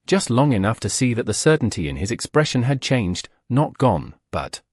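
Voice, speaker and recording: Male narrator for a dramatic audio story: slightly husky, dry close sound, measured delivery. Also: mid-range voice, very animated, no echo. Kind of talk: first-person scripted narration.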